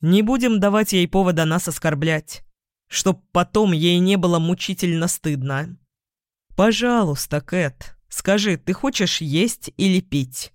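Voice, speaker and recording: A woman voicing a calm, patient young man with a gentle wry humor in an audiobook. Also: on the low side, unhurried, no room sound, clean studio sound, close to an everyday voice.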